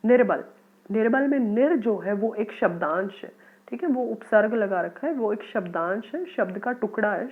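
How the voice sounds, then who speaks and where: Teacher woman with tinny audio. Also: fairly high pitch. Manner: patient, explains step by step, calls listeners "beta". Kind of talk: workbook lesson for children.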